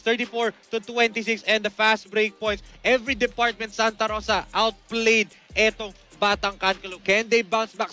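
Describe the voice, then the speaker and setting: A young Filipino man delivers excited broadcast sports commentary. His voice is high and bright, close on a headset mic with faint music underneath. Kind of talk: excited broadcast commentary mixing English and Tagalog.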